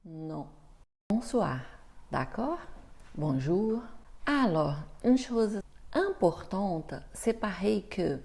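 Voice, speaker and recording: A woman teaching a beginner French lesson, speaking slowly and demonstrating pronunciation with care. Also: medium pitch, lively intonation, vocal fry, a little mellow. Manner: slow, careful pronunciation demos.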